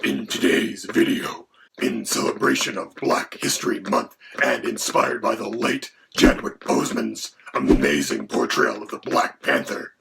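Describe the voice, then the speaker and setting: A man voicing a menacing male dragon who co-hosts, with a gravelly, whispery voice. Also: deep voice, wildly swooping pitch, a little slow, exaggerated voice. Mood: matter-of-fact. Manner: mock-menacing, then lecturing in turn with the host. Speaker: co-host. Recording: background noise.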